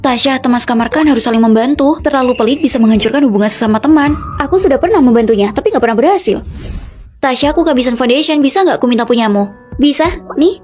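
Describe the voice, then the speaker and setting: A woman dubbing every role in a short drama, with brisk, clipped line delivery. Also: high-pitched, lively intonation, a little mellow, faint music behind. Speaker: voice-over dubber of all roles.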